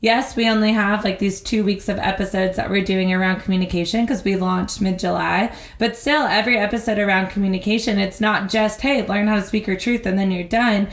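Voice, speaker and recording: An animated woman co-hosting a casual podcast, talking at a middle pitch and slipping into quick voices to act out scenes. The room around her voice is roomy and echoey. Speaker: podcast co-host. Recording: roomy echo.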